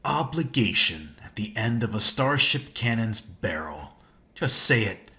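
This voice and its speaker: The Hunter, low-voiced sardonic menace. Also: male voice, very animated, unhurried, pushed and bright, heavily acted. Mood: dry, insistent. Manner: dry, sardonic, menacingly casual. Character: cynical, self-assured male hunter, weary veteran of many universes. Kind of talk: video game voice acting.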